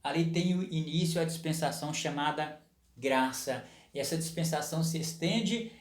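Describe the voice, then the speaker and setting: A man's voice: a little high, normal speed, roomy sound. A man preaching a sermon, explaining scripture with frequent rhetorical questions and tag questions. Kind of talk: sermon teaching.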